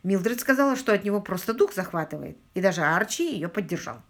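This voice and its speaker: A woman narrating an audiobook with expressive storytelling. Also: mid-range voice, fast. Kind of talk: scripted narration.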